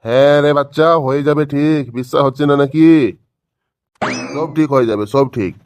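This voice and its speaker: A man's voice: fairly high pitch, a little fast, darkish tone, slight background noise, close to an everyday voice. A man voicing a brusque quack doctor in a cartoon, curt, grumbling and dismissive. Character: brusque middle-aged quack ayurvedic doctor. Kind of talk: cartoon voice acting.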